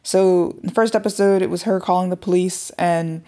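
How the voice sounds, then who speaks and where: A woman's voice: lowish voice, fairly even intonation, normal speed, warm tone. A woman hosting a podcast, recapping a cartoon episode in a casual, chatty way with frequent fillers and asides. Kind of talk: casual chat.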